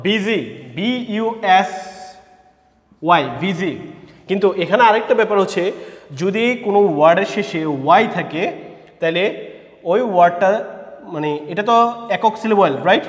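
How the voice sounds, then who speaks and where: A man teaching a grammar lesson, explaining slowly and spelling words out letter by letter. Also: high-pitched. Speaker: English teacher. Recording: echoey room with long reverb.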